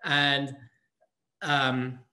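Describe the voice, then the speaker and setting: Fielding audience questions in a conference session, this Guatemalan man speaks in a thoughtful, halting way, full of fillers and false starts. The pitch is medium, the delivery flat, and the tone sharp.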